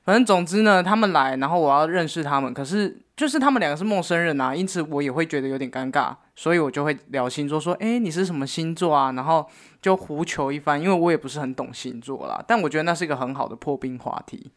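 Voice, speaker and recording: A woman's voice: deep voice, fast. A woman co-hosting a casual chat, talking bluntly and joking at her own expense. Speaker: co-host.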